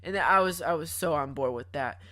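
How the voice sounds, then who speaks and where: Young woman telling her game night like a crisis, kinda low voice, stumbles over words, over the top scared for laughs. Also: brisk, pushed and bright. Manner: dramatic, mock-panicked storytelling with stammered restarts. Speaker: gaming YouTuber. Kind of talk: comedic gameplay narration.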